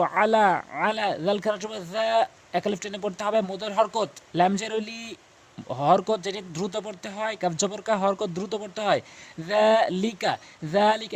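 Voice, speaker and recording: Male Quran teacher, Bangladeshi Bengali accent, high voice, patient syllable drills. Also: vocal fry. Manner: drills syllables slowly and repeatedly. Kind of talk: spoken lesson on Quranic reading.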